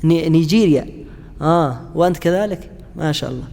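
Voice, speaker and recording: A man teaching a class on Quranic interpretation, pausing often with fillers and restarts and asking his students questions. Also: a little high, creaky, darkish tone, in a large hall, slight background noise. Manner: halting, frequent fillers and restarts, chats with students. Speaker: Islamic studies lecturer.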